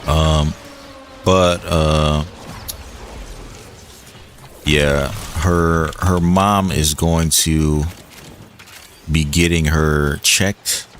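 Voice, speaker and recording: A young man with a deep, low-pitched voice chats casually while streaming a game. His talk is loose and rambling, full of fillers and restarts. A faint background hum sits under the voice. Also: fairly even intonation, extremely slow, pauses often. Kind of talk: casual gaming commentary.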